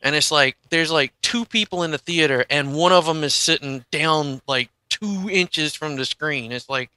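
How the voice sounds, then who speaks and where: A man's voice: a little high, moderate pace, bright, forceful tone, smooth, no room sound. A man telling a casual story as a podcast guest, rambling through many asides.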